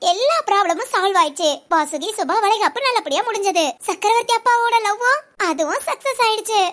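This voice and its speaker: A woman voicing a young wife in a family audio drama, lamenting and self-pitying in a girlish voice. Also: a bit bright. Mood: earnest. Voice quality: very high, girlish voice.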